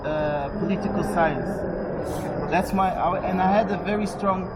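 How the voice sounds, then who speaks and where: Man, Portuguese first language, high voice, hesitant, noisy background. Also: normal speed. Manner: reflective, hesitant with fillers. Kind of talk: casual conversation. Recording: loud background noise.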